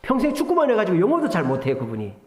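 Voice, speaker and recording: A man's voice: high-pitched, wildly swooping pitch, racing. Emphatic male pastor in an echoing church. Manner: emphatic, swinging between loud exhortation and hushed asides. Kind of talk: sermon. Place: church sanctuary. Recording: echoey church hall with long reverb.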